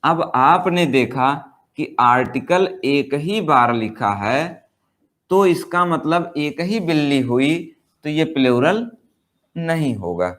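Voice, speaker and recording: A man's voice: fairly high pitch, expressive, a bit bright. A man teaching English grammar in Hindi, explaining step by step, asking rhetorical questions and reading example sentences word by word. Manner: slow, explanatory, repeats points and asks rhetorical questions. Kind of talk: Hindi-language grammar lesson.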